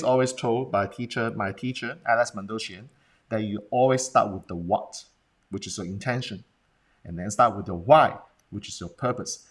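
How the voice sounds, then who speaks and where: A man's voice: medium pitch, a bit bright. A man with a Hong Kong accent coaching viewers on a livestream in a blunt manner, often putting questions to them and checking in. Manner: rhetorical questions and check-ins with the audience. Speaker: business presentation coach. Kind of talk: Facebook Live talk, coaching viewers.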